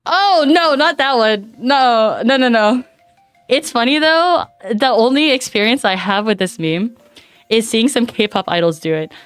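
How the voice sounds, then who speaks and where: A woman streamer in casual chat, bubbly and giggly, her voice raspy and hoarse from a week of coughing. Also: on the high side, measured pace, no room sound. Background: faint background music.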